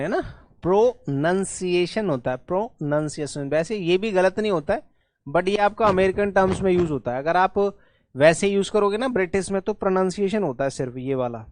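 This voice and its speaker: A man with a somewhat high voice runs an exam-prep English lesson, explaining spellings in Hindi with English words mixed in. He keeps checking in with his students as he goes. The sound is dry and close, with no room echo. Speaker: English teacher.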